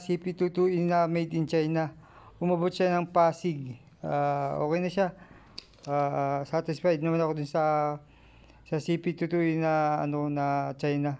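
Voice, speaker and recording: A Filipino man with a fairly high voice hosts a casual hands-on vlog. He talks politely and haltingly, often repeating a step as he explains it. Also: steady tone, a little mellow, clear, resonant tone. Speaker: vlogger and radio hobbyist. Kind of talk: casual unboxing and how-to vlog.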